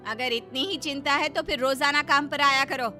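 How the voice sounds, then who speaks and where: A woman voicing a stern, demanding mistress of the house in an animated moral story, in a sharp, bossy manner. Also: high voice, moderate pace, soft background music, voice pushed up. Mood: stern, annoyed.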